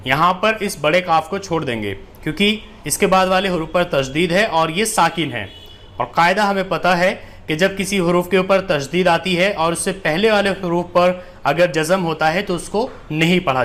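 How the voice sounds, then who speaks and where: A man teaching Quran reading, spelling out letters and vowel marks syllable by syllable, then blending them into words between quick rule explanations. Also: high-pitched, a bit bright. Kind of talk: spelling-out recitation lesson.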